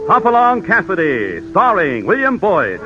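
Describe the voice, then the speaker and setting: A man's voice: high voice, huge pitch swings, measured pace. A man announcing an old-time radio western in a grand, heralding, dramatic style. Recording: muffled vintage radio broadcast. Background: loud music.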